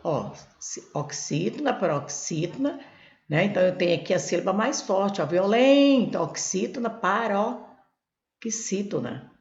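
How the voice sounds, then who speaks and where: A woman tutoring for Portuguese exams, going through questions slowly and repeating each syllable type for her students. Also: lowish voice, animated, creaky. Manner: repetitive, spells out syllables, addresses students as gente. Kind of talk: explaining exam questions. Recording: echoey room, dull lo-fi sound.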